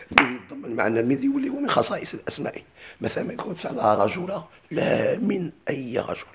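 A man's voice: on the high side, a bit bright, a little hiss or hum. A man with a Moroccan Arabic accent teaching a classical grammar lesson. He keeps asking his class questions and then answering them himself.

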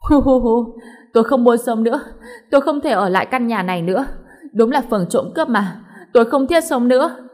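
Woman voicing a shrill hysterical mother-in-law. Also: moderate pace, close to an everyday voice. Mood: wailing. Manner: shrieking, wailing and cursing.

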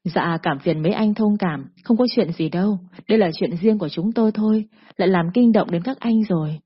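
A woman's voice: mid-range voice, brisk, slightly rough. A woman voicing a cocky, lewd male gangster loan shark who talks in a sneering, bullying drawl. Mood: smarmy. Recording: dull lo-fi recording.

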